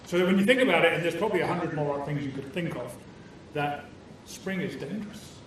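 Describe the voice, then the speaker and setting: Slightly high and a bit quick, a man who is a new Canadian citizen hosts a club meeting, opening the evening with jokes and a safety talk. He's cheerful, bantering and self-deprecating, addressing a live audience in a meeting room. The recording is noisy and echoey, with the mic far away.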